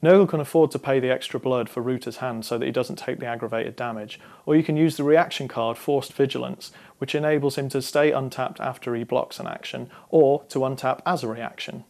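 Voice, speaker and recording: A young man in his twenties presenting a scripted explainer on card game strategy, talking straight to camera in a measured, instructive way. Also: mid-range voice, gravelly, darkish tone. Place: studio against a dark backdrop.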